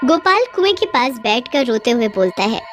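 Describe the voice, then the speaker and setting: A woman narrating a cartoon bedtime story in an even storytelling manner. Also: a little high, normal speed, soft background music.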